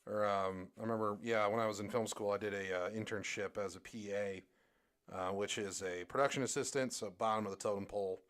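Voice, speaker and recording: A man's voice: lowish voice, steady tone, fairly quick, fairly bright tone. A young man chatting casually on a live stream while he draws, rambling with lots of fillers and restarts. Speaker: streamer and artist.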